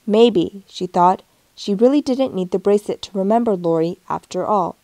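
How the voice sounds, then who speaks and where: A woman reading a picture book aloud in a gentle storytelling manner, briefly giving the characters their own voices. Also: mid-range voice, moderate pace, no echo. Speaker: storybook reader.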